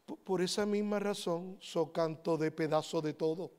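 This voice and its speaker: A man preaching a sermon, animated and talking straight to his listeners, swinging between loud and hushed. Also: fairly high pitch, normal speed.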